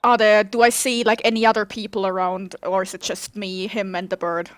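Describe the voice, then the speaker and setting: A woman's voice: medium pitch, flat delivery, a little fast, dry recording. Woman playing a tabletop game, dry close sound. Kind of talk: casual role-play chat.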